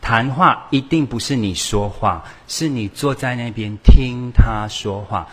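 A man's voice: medium pitch, unhurried, slightly rough. A man giving a humorous church lecture, telling stories with acted dialogue. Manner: lively storytelling with acted dialogue. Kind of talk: humorous sermon-style lecture.

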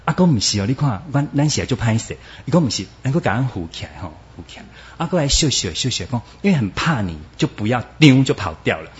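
A man preaching a sermon, animated and acting out quoted voices, with Hokkien words mixed in. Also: medium pitch, quick pace. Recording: dull lo-fi recording.

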